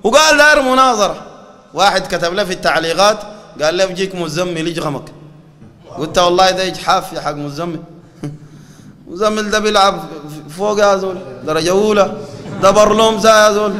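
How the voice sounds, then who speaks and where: A Sudanese-accented man preaches in a lively, mocking way and quotes scripture often. His voice is high and bright and he talks fast. The sound carries a long hall reverb. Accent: Sudanese Arabic. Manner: animated and mocking, quoting scripture. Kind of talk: colloquial sermon.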